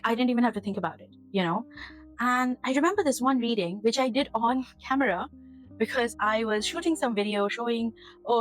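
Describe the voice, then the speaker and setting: A woman's voice: medium pitch, rough recording. A woman talks to camera from her home kitchen, her voice sitting mid-range for a woman. She rambles earnestly about what she loves, drifting into feeling and back out. Faint guitar music sits behind her. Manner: rambling, earnest, gets emotional and laughs. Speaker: tarot channel host. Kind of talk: casual chat to camera.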